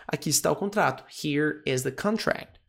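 Brazilian-accented language teacher, mid pitch, gravelly fry, patient repeat-and-check delivery. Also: expressive, moderate pace. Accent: Brazilian Portuguese. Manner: patient, repeats words and checks in with frequent 'tá?' and 'ok?'. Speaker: English teacher. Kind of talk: English lesson explained in Portuguese.

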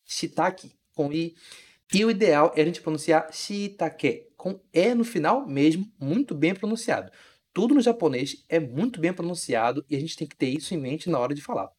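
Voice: mid-range voice, animated, a little mellow, husky. Patient language teacher. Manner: patient, repeats words slowly, keeps checking understanding. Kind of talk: recorded video lesson.

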